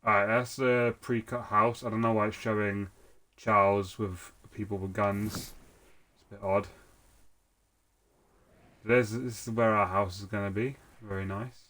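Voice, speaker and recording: Playing a video game while sick with a cold, a young streamer chats loosely in a let's-play, often filling gaps and starting over. He speaks fairly low with a level tone and a bit of brightness, a little slowly, pausing often.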